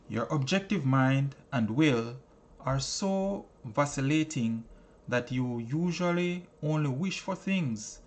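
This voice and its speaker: A self-help audiobook is read by a man whose mid-range voice stays measured and earnest. He phrases things deliberately and pauses often.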